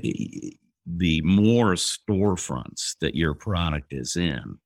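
A man with an extremely deep voice speaks slowly and in a measured way as a guest in a business chat. His recording sounds close and dry, with no room echo. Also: lively intonation, gravelly. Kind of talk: casual business conversation.

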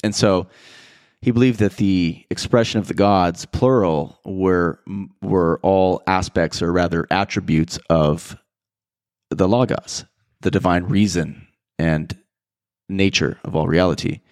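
A man's voice: low voice, steady tone, measured pace, darkish tone, no echo, studio quality. A man hosting a podcast, talking in a casual, reflective monologue that rambles thoughtfully, with frequent restarts and fillers. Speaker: podcast host.

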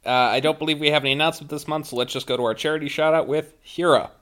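A man's voice: fairly high pitch, fairly even intonation, racing, a bit bright. A man hosting a tabletop game podcast as game master, talking casually and a little hesitantly.

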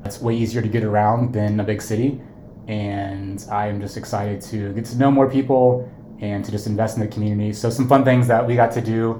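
A young man from Ohio hosting a casual podcast chat, easygoing and quick to laugh. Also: on the low side, fairly even intonation, dark tone. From Ohio, USA. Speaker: podcast co-host, marketing agency owner. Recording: roomy, faint background noise.

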